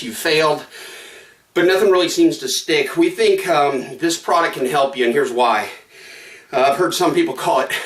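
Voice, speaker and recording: A man talking casually in a quick, conversational way, slightly out of breath mid-workout in his home gym, repeating phrases for emphasis as he pitches a product. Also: fairly bright tone, echoey room, distant mic. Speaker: product promoter. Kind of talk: casual sales pitch to camera.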